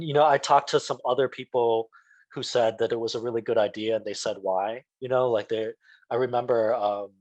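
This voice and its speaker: A man's voice: mid-range voice, a little mellow, no echo, dull audio. A man, a children's book author, speaking in a reflective, rambling way full of fillers. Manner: reflective, rambling, many fillers like "like" and "you know". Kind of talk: interview talk.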